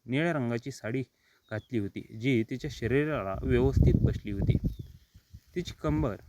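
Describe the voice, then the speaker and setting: A man reading a first-person story as scripted narration, steady and even. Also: medium pitch, normal speed, very noisy.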